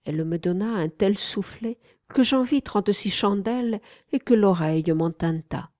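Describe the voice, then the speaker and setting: A woman narrating an audiobook in a measured, calm way. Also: mid-range voice, no room sound, studio quality. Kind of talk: scripted literary narration.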